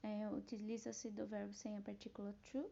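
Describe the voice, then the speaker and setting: A woman with a Brazilian Portuguese accent gives a casual grammar lesson, reading English examples slowly and explaining each one in a relaxed way with frequent tag questions. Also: mid-range voice, gravelly, lo-fi sound. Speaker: English teacher.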